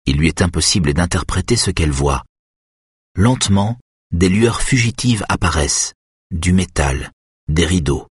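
A man reading a suspense novel aloud in measured, even narration. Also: deep voice, slightly rough, no room sound, studio quality. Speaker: audiobook narrator. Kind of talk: scripted narration.

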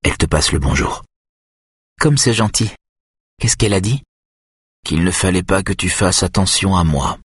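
A male audiobook reader playing a quiet, thoughtful detective in a slow, low, subdued voice. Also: husky, no room sound, clean studio sound. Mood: hushed. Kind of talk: audiobook reading.

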